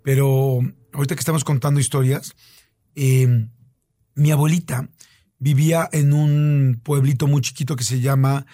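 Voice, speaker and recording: A man's voice: mid-range voice, fairly even intonation, normal speed, dark tone, no echo. A man with a Mexican accent telling a long story in casual chat, with many fillers and repeats.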